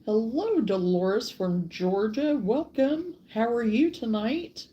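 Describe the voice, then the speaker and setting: On a muffled recording, a middle-aged woman livestreams crochet from her rural home, chatting warmly and drawing out greetings to commenters. Her voice is a little high and expressive.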